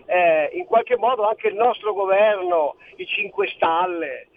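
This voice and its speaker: High-voiced man calling in over the phone. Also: big pitch swings, unhurried, creaky. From Friuli Venezia Giulia, Italy. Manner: winding, theorizing, loose sentences. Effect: heard over a telephone line. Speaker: radio caller. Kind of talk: rambling phone-in call. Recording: tinny phone line with faint hiss.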